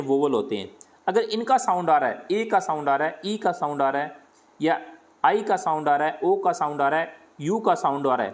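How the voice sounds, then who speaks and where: Teacher voice: man with a Hindi accent, slightly high-pitched, patient step-by-step grammar explanation. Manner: explains step by step, asks and answers his own questions. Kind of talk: grammar lesson.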